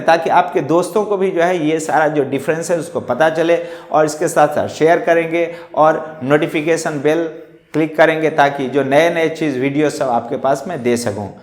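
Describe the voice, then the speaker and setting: A man gives a classroom-style lesson in a room that rings with echo. His voice sits a little high for a man, and he spells words out letter by letter, pausing to ask and answer his own questions. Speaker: English teacher. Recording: echoey room.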